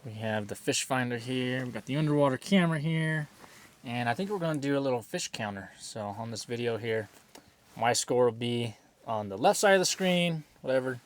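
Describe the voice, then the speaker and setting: A man hosting a casual fishing vlog, talking in excitable bro slang. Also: medium pitch, normal speed. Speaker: host of an outdoor fishing channel. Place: outdoors in a snowstorm, later inside an ice fishing tent.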